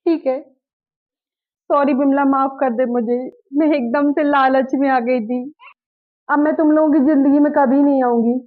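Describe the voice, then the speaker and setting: A woman's voice: high voice, steady tone, moderate pace, lightly acted. A woman playing a greedy, regretful middle-aged mother in a drama skit, talking in a pleading, emphatic way. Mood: remorseful. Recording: dull lo-fi recording.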